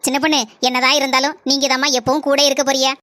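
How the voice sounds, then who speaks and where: A woman's voice: sits high, little pitch movement, quick pace, fairly bright tone, no room sound, studio quality. A woman with a southern Tamil accent voicing a worried older woman who frets over her younger sister, in a cartoon. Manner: lamenting, pleading.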